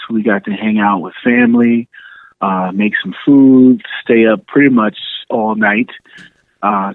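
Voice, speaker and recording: A man's voice: mid-range voice, no echo. A man in his thirties from New York City, telling stories with easy laughs in a casual phone chat. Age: 30s. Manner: relaxed storyteller, laughs often. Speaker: podcast guest. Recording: tinny phone line.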